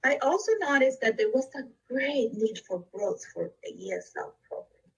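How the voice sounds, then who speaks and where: A woman presents a recorded webinar in an earnest, steady way. Her voice sits a little high and sounds husky and breathy. She is recorded from a bit back from the microphone. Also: normal speed, distant mic, rough recording. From Costa Rica. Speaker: district education leader.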